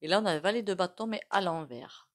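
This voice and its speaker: This woman talks at a quick pace in a fairly low voice while casually reading tarot to camera. Speaking with a regional French accent, she rambles chattily with many fillers and self-asides.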